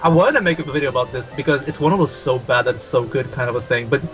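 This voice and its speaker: A man from Taiwan, a podcast guest, chatting casually and giving his opinions with quick laughs. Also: mid-range voice, faint music behind. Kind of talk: casual chat.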